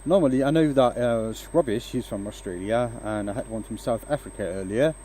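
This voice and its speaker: Streaming live from a home workshop with a lathe, a man born in Denmark talks loosely to viewers while turning wood, pausing with fillers and restarting often. He has a mellow, mid-range voice and a brisk delivery, with a little background noise.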